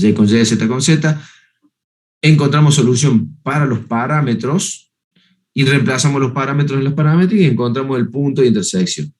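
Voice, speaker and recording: A man's voice: mid-range voice, darkish tone. Methodical male math lecturer. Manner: methodical, checks in with students. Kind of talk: university lecture on analytic geometry.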